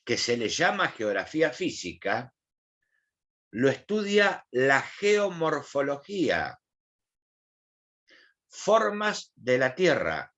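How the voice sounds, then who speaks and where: A man's voice: medium pitch, very animated, slow pace, pauses often, fairly bright tone. A man with an Argentine accent teaching an online class, asking questions and explaining in a colloquial way. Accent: Argentine Spanish.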